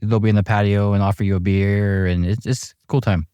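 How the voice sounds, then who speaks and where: A middle-aged man with a low, mellow voice talks easily, his words full of fillers and little restarts. The sound is dry and close, with no room around it. He tells his stories at an unhurried, conversational pace. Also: clean tone, dry recording. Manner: relaxed storytelling with many fillers and restarts. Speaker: amateur golfer guest. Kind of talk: casual chat.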